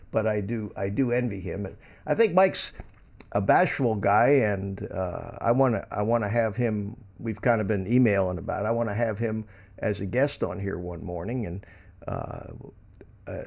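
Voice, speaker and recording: Here the livestream host, a man in his seventies from Philadelphia, USA, has a fairly low, creaky, slightly mellow voice. He rambles through a relaxed morning stream, full of ums and false starts, as he reads out and responds to chat.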